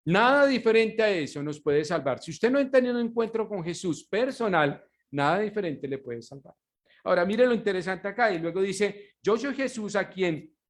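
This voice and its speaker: A male pastor giving a sermon, stressing key words and asking his congregation rhetorical questions for them to finish. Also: sits high. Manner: emphatic preaching with slowed, stressed words.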